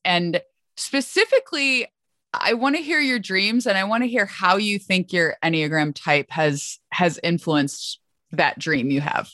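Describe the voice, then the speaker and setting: A woman's voice: lowish voice, a bit bright, dry recording, clean studio sound. A woman hosting a podcast in casual, informal, self-deprecating chat, crammed into a small closet. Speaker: podcast host. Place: small closet in a house basement, on the floor.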